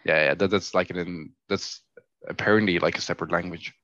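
Deep-voiced Dutch man, rambling casually. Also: brisk, dry recording, highs cut off. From Netherlands. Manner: relaxed, rambling, many fillers and restarts. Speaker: guest. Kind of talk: casual interview chat.

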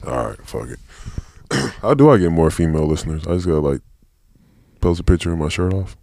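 Deep voiced guy hosting a podcast, teasing and blunt, dry close sound. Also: expressive, a little fast, creaky, mellow, no echo. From San Francisco. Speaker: podcast host. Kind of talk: casual chat.

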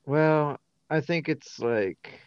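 A man's voice: fairly high pitch, drawn-out words, smooth, dry recording, dull audio. A young man co-hosting a podcast, laid-back and slangy, rambling in casual chat. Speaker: podcast co-host.

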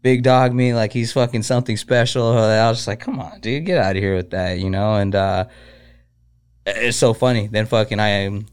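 A man's voice: lowish voice, normal speed, clean tone. A man, a fighter, chatting casually on a podcast, swearing a lot, laughing often and acting out what people said in a raised voice. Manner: profane, laughs often, acts out quoted exchanges in a raised voice. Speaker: fighter guest.

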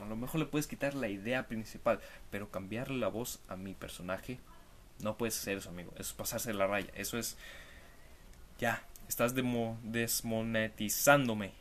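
A man's voice: medium pitch, slight background noise. Jokey man ranting casually. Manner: animated, jokey, rhetorical asides. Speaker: video commentator. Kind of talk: casual comedic commentary.

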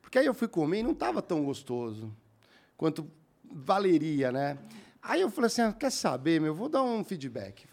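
A man's voice: a little high, normal speed. A young Brazilian man hosting a podcast, telling a long everyday story casually and acting out the other people's lines as he goes. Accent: Brazilian Portuguese. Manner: animated, acts out quoted voices. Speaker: podcast host.

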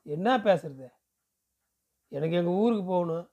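A tearful, stubborn young village woman from a storybook, lamenting and pleading to go home, as a male reader puts her on. The voice sits high and keeps returning to the same plea. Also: animated, a little slow, creaky, mellow, heavily acted. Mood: sulky pleading.

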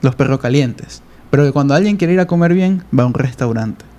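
A man's voice: mid-range voice, expressive, brisk, dark tone, lo-fi sound. A man co-hosting a casual chat, playfully recapping a story. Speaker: podcast co-host.

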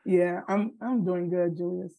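Hoarse woman, voice nearly gone. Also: fairly low pitch, steady tone, a little slow, warm tone. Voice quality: hoarse, worn-out voice. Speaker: podcast co-host. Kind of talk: casual podcast chat.

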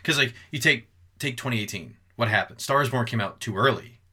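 A man's voice: medium pitch, fairly quick, bright, forceful tone, husky. A man co-hosting a movie podcast, rambling through his points with many fillers and restarts. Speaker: podcast co-host. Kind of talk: casual movie podcast chat.

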